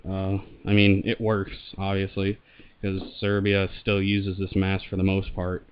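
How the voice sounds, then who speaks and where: A man's voice: deep voice, completely flat delivery, unhurried, dull audio, slight background noise. A man giving a casual, hands-on product demonstration as a reviewer. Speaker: gas mask reviewer.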